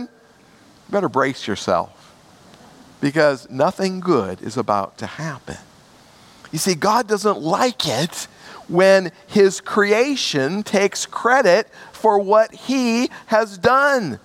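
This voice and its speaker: A man's voice: on the high side, a bit bright. A man preaching a sermon as pastor, stressing key words by repeating them.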